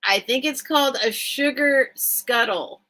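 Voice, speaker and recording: A woman's voice: high-pitched, unhurried, bright, forceful tone, poor audio. A woman hosting a casual livestream sale of vintage items, thinking aloud and chatting in a rambling way. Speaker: online seller, host of live sales. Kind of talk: casual livestream sales chat.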